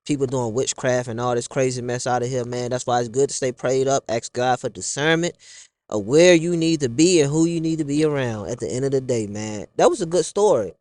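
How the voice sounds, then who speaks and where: A man's voice: mid-range voice, brisk, darkish tone, no echo. A man hosting a reaction video, giving casual, preachy commentary and often saying "man". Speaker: reaction channel host.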